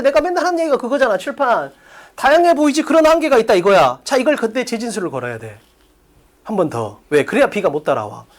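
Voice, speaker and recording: A woman lecturing an exam-prep English class, her high voice leaping up and down as she drives each point home. She peppers the room with rhetorical questions and bluntly calls students stupid, swearing freely. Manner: blunt, rapid-fire rhetorical questions, insults students with profanity. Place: academy classroom with blackboard.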